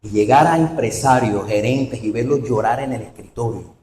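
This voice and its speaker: A man preaches in a church, lively and pointed, throwing rhetorical questions at the congregation. His voice sits at a middle pitch and comes from some distance off the mic. The hall around him rings with echo. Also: moderate pace, a little hiss or hum. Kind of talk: sermon. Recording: roomy hall, voice from far off.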